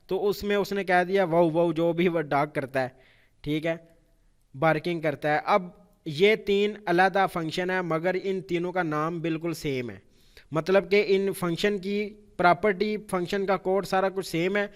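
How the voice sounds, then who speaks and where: Pakistani guy teaching code, chatty, repeats stuff, slightly high voice. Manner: conversational, repeats phrases, frequent fillers. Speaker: programming instructor. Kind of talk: lecture.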